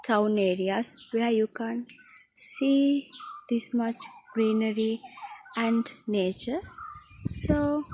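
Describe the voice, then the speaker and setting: A woman narrating a casual nature vlog outdoors in halting short phrases, recorded on a phone with wind on the mic. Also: on the high side. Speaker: vlogger. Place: outdoors in a garden on a windy day. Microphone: handheld phone. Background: wind and chirping birds.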